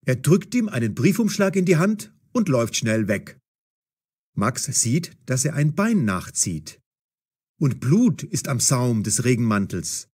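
The narrator, a man, delivers a language-learner story at a slightly slow pace. His voice is mid-pitched with some breathiness and huskiness, and his short sentences carry an animated, dramatic lilt.

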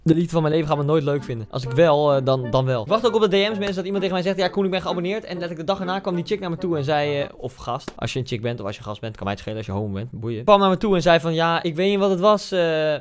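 A young man from the Netherlands doing jokey gameplay commentary, excitable and yelling at the game between asides to viewers. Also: a little high, racing, hardly any pauses. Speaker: gaming YouTuber. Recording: faint background music.

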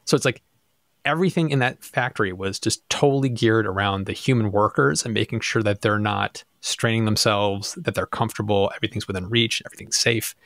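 A man's voice: on the low side, fairly quick, a bit bright, no room sound. Man, forties, podcast co-host, enthusiastic, laughs easily, dry close mic. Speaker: podcast co-host, YouTube creator. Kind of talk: casual chat. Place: room with teal backdrop. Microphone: boom mic on arm.

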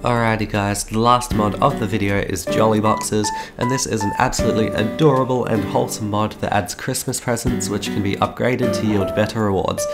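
Sick-sounding man over guitar music. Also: lowish voice. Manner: upbeat, repeats words for emphasis. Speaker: YouTube host. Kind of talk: voice-over game mod showcase. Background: guitar background music.

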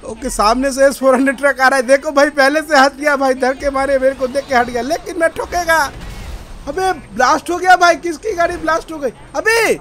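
Young male gaming streamer, very high voice, frantic repetitive outbursts during play. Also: a little fast. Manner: loud frantic outbursts, repeating phrases. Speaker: gaming YouTuber. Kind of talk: excited Hindi gameplay commentary.

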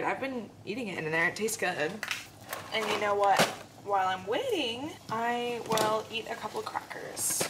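A young woman in her twenties, a lifestyle vlogger, chats casually in a home vlog, rambling with plenty of "like" and "um." Her voice sits on the high side, and there's a noisy background. She's filming in her kitchen and bathroom at home on an on-camera mic.

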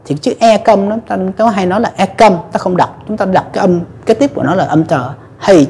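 A woman's voice: mid-range voice, quick pace, mellow, slight background noise. A woman teaching English pronunciation to viewers, patiently explaining step by step with frequent fillers. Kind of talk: pronunciation lesson.

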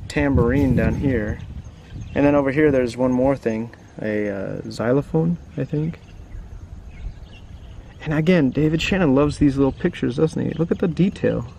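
This teacher and children's book reader has a warm, creaky, mid-range voice at normal speed, with slight background noise around him. His read-aloud for children is casual and chatty, full of questions and tag questions for the listener.

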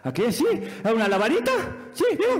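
A man's voice: very high-pitched, huge pitch swings, fast talker, noisy background. A man doing playful comedy sketch banter, teasing and exclaiming in slang. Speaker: comic performer. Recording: echoey hall with faint music.

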